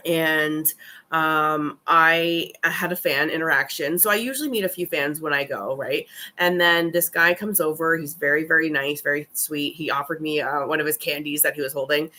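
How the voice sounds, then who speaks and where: A woman with a raspy, hoarse voice from a cold, chatting casually and swearing on a live stream. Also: deep voice, normal speed, sharp tone. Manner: chatty and profane, many fillers.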